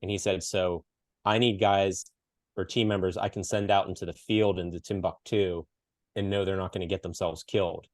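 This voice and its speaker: Lively storytelling man, low voice. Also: normal speed, no room sound, clean studio sound. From Western Pennsylvania. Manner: animated storyteller acting out quoted voices, laughs often. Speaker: podcast guest, coach and speaker. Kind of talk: casual storytelling interview.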